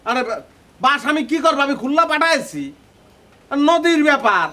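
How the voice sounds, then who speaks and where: A man's voice: very high-pitched, very animated, normal speed, pushed and bright, exaggerated voice. An actor playing a lazy, sleepy grown son in a comedy drama, who complains defensively to his father. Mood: complaining.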